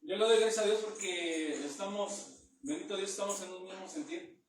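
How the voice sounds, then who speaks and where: A man with a high voice gives a Bible teaching sermon in what sounds like a church hall. He reads each verse aloud and then explains it in plain words. The room rings with heavy echo, and he stands well away from the microphone. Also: expressive, moderate pace, a little hiss or hum. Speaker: preacher. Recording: very echoey room, mic far off.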